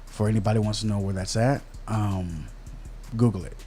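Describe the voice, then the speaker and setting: Low-voiced young man telling a story. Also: steady tone, fairly quick, mellow. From Kansas, US. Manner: storytelling, checks in with "okay?" and "right?". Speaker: podcast guest. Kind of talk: casual podcast conversation. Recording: faint background noise.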